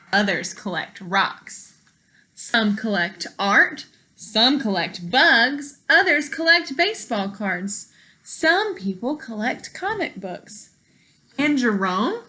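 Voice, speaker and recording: Reading to kids from a picture book, this woman speaks expressively in a teacherly manner and a voice on the high side. She breaks off to define words and pose questions to her young audience.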